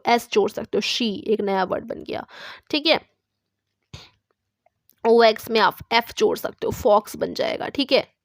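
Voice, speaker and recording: A woman's voice: a little high, no room sound, studio quality. A young woman with an Indian accent teaching an online English lesson, patiently walking through test items and checking in after each one. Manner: patient, repeats "ठीक है" after each point.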